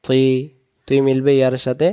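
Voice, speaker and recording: Male Quran tutor, slow syllable-by-syllable recitation lesson, crisp resonant voice, muffled lo-fi class recording. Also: mid-range voice, completely flat delivery, mellow. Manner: sounds out Arabic syllables one at a time, then joins them. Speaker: Quran teacher.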